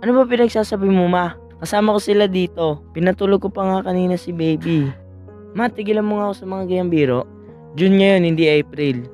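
A woman's voice: fairly low pitch, steady tone, brisk, dark tone, soft background music, lightly acted. A woman voicing an anxious young husband and new father who fires off urgent, pleading questions. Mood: worried, irritated.

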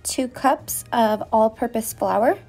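Chatty woman baking vlogger, high voice. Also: takes it slowly, a little mellow, faint music behind. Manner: chatty, walks through steps one by one. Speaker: baking channel host. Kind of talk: casual cooking voice-over. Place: home kitchen.

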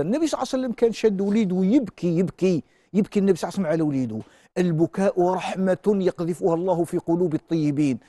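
A man's voice: a little high, dark tone, no room sound. A middle-aged Algerian man giving religious counsel as a sheikh, emphatic and repeating his phrases. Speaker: sheikh answering callers. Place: TV studio. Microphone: lapel mic.

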